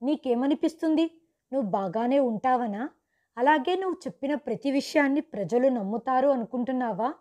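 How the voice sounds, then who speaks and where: A woman reads the part of a cruel, cold man in a narrated story. He makes slow, quiet threats. The voice is mellow, sits fairly high, and barely changes from the reader's own. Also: lightly acted. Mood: menacing.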